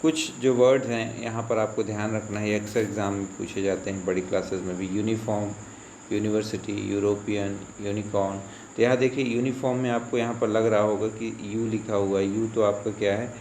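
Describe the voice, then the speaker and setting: A man teaches a grammar lesson, patient and steady, posing questions and answering them himself. His voice bounces around an echoey room, with faint crickets and insects audible in the background. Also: lowish voice, brisk, a little hiss or hum. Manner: patient, asks and answers his own questions, repeats "ठीक है". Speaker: school English teacher. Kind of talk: grammar lesson explained in Hindi.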